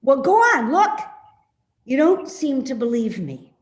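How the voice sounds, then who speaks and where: This readers theater actor, a woman, plays a complaining, suspicious old mother whose nagging is indignant, slow and insistent. Her voice runs high-pitched with big pitch swings, heard in an echoey, roomy remote reading.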